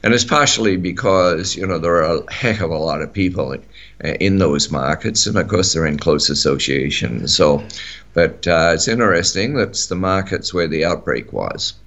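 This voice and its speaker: A man's voice: sits low, animated, normal speed, fairly bright tone. A middle-aged man with an Australian accent, chatting on talk radio, rambling with many fillers and restarts. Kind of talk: casual talk radio chat.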